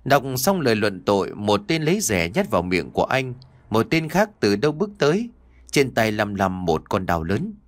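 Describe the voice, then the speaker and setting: A man narrating a dark story as an audiobook reader, telling it dramatically. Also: on the low side, very animated, moderate pace, dry recording.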